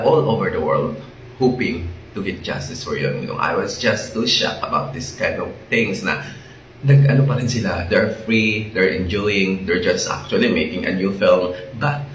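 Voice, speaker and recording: A Filipino man with a very low, deep voice talks straight to his viewers in an indignant, chatty way, tossing in tag questions and bits of English. He sounds like he is in an echoey room, with a faint hum of ambient noise behind him. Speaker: vlogger. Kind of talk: casual commentary vlog.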